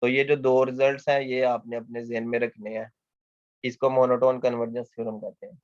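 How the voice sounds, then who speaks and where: A man's voice: mid-range voice, level tone, brisk, dry recording. A man giving a mathematics lecture in a patient, explanatory way, often repeating key points and asking questions he then answers himself. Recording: dull dry lo-fi lecture recording.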